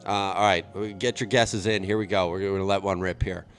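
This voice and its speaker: A man's voice: low-pitched, steady tone, moderate pace, faint music behind. A man hosting a comedy podcast from home, riffing in a rambling, profane monologue. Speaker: podcast host.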